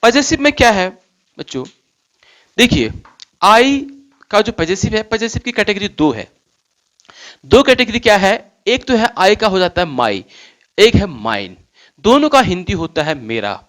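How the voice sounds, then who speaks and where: A man teaching grammar in Hindi, asking and answering his own questions and reading the examples slowly. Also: high voice, big pitch swings, fairly bright tone. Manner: slow, deliberate reading of English example sentences. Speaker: English teacher.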